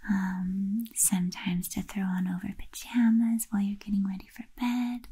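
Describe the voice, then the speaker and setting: A young woman whispering softly and slowly in an ASMR video, with a breathy, unvoiced delivery. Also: mid-range voice, level tone. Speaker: ASMR creator.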